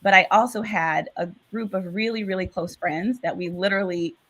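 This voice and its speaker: A woman physician answering interview questions in a lively, candid storytelling manner. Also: mid-range voice, moderate pace, rough recording. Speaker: physician guest.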